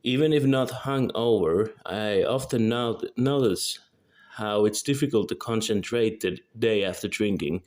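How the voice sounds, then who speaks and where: With a measured pace and a fairly low, slightly mellow voice, this early-twenties video creator carefully reads a script. He comes from Finland, speaks Finnish natively, has a Finnish accent, and corrects his small slips.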